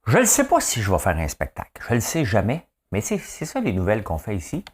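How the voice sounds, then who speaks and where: A man's voice: lowish voice, wildly swooping pitch, fairly quick, husky. A man with a Québécois accent hosting a daily news show, chatting casually in a joking, rambling way with lots of asides. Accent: Québécois French. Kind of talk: casual solo news commentary.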